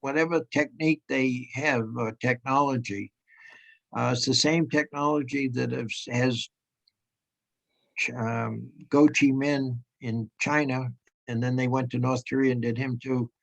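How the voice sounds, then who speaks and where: A man answering questions in halting explanations, with fillers and restarts, heard over an online group video call. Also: medium pitch, steady tone, creaky, a bit bright, poor audio. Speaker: guest lecturer answering questions.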